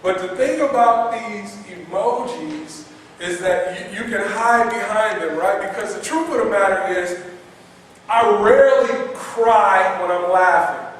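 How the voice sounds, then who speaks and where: High-voiced pastor preaching in an echoey hall. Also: male voice, a little slow, far from the mic, a little hiss or hum. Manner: lively, playful, repeats words for emphasis; quizzes the congregation conversationally. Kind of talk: sermon. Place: church hall.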